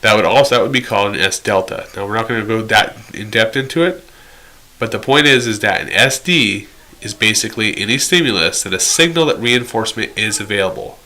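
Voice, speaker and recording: An instructor in behavior therapy training gives an explanatory lecture in a slightly low voice with a very sharp, bright edge. He is direct, instructional, expressive and brisk, working through examples and dropping in conversational asides as he teaches.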